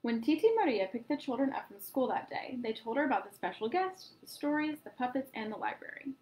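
A woman storyteller reading a picture book aloud to children in an animated way. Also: high-pitched, normal speed, rough recording. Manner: animated, addresses young listeners.

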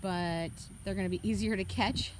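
A woman giving a casual walkthrough of her horse barn on a handheld phone, chatty and quick to laugh as she points things out. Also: medium pitch, steady tone, slight background noise. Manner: chatty, laughs often, lists items as she goes. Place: horse barn, paddock and tack room, in and out of doors. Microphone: handheld phone camera.

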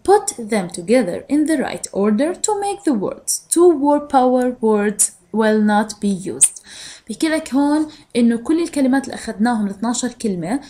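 Woman teacher, stretches out english words nice and slow, rattles off explanations, voice a bit high. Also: very animated, mellow. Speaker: sixth-grade English teacher. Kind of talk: recorded online lesson.

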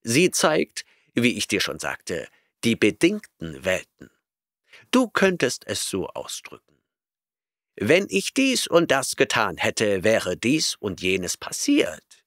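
A man's voice: lowish voice, huge pitch swings, takes it slowly, fairly bright tone, no room sound, clean studio sound, full character voice. A man reading an audiobook voices an arrogant, eccentric male professor who lectures impatiently and snorts at his listener.

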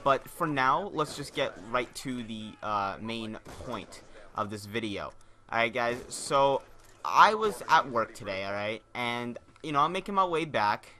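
A man's voice: medium pitch, sing-song, a little slow, pushed and bright. A young man hosting his gaming channel, telling a casual story in a rambling, profane way, often repeating and restarting words.

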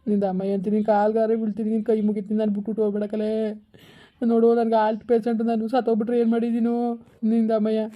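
Woman doing a sorry village husband begging nonstop, mellow voice, fast. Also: fairly high pitch, monotone, natural voice. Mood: pleading. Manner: begging, repeating pleas. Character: remorseful young village husband, pleading and clingy. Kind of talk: village comedy skit.

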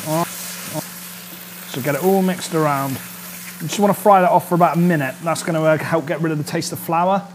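Over sizzling from the pan, a man in his thirties hosts a casual cooking show on an indoor kitchen set, staying upbeat and chatty and checking in with "all right?" His voice is a little high. The recording is rough, with slight background noise.

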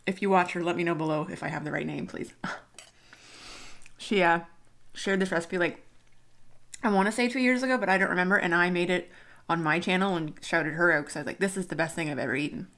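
A woman's voice: fairly low pitch, quick pace, long pauses, fairly bright tone. Chatty woman eating on camera. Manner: chatty, rambling, laughs often. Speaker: mukbang vlogger. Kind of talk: casual chat while eating. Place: home dining room.

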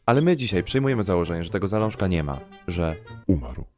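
A young man with a low, deep voice reads a scripted video narration in a wry, ironic tone. Music plays clearly underneath him the whole time, and the sound comes from a video being played back. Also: big pitch swings, fast, a little mellow. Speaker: YouTuber in reacted video.

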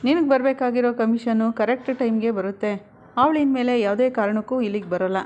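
A scheming older businesswoman issues curt commands, as a woman narrator reads her. The voice is fairly high, and the sound is dull and lo-fi. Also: fairly even intonation, quick pace, a little mellow, slight background noise, close to an everyday voice. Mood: bossy. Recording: dull lo-fi recording.

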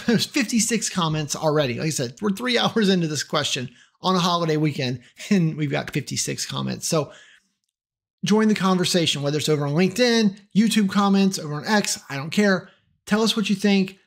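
A man's voice: high-pitched, gravelly. A middle-aged man giving a casual, opinionated tech tutorial, chatty with self-deprecating asides. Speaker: tech trainer. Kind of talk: casual tutorial talk to camera.

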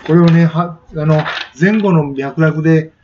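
A man's voice: a little high, unhurried, dull audio, background noise. A man giving a casual spoken lesson on pronunciation, chatting and demonstrating sounds with exaggerated repetition. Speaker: English pronunciation teacher.

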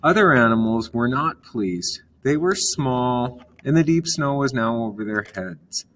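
A man reading a children's story aloud in a calm manner, gently explaining words along the way. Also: medium pitch, unhurried, background noise.

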